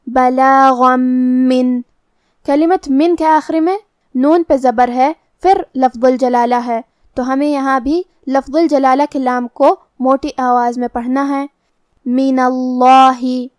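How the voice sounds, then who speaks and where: A woman teaching the rules of Quran recitation, explaining each letter methodically between slow recited verses. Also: high-pitched, steady tone, dark tone, no room sound, studio quality. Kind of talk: tajweed lesson with slow recitation.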